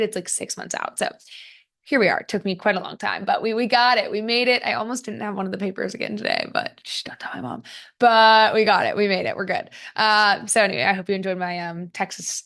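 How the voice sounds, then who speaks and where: A young woman hosts her own podcast from a home office with a fan running, chatting casually and animatedly with plenty of fillers. Her voice sits at medium pitch, bright and forceful.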